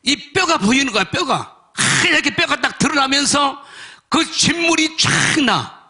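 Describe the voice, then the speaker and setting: A middle-aged man preaching a sermon, telling a testimony with strong emotion and rising to shouts. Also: very high-pitched, lively intonation, unhurried. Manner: emotional storytelling, swells to shouts. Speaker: pastor.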